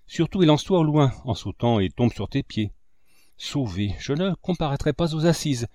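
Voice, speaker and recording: A man reading a classic novel aloud as an audiobook narrator, in an expressive manner. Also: normal speed, dry recording, clean studio sound. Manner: expressive, with a wide pitch range.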